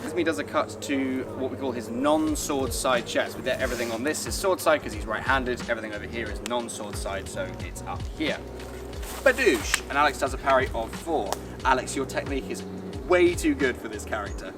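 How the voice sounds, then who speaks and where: A British man, a fight choreographer, walks performers through a sword fight in casual, energetic instruction with playful sound effects. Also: medium pitch, brisk. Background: background music.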